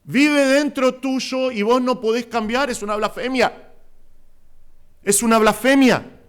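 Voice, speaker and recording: A male pastor from Argentina with a Rioplatense Spanish accent preaches an impassioned sermon, swinging between loud exclamations and hushed asides. His voice is very high-pitched, clear, and resonant, and he speaks slowly.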